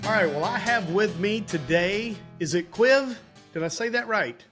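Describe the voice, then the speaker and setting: A man's voice: high-pitched, lively intonation, moderate pace, a bit bright, faint music behind. A man hosting a casual interview, chatty and poking fun at himself. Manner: chatty and self-deprecating. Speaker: host.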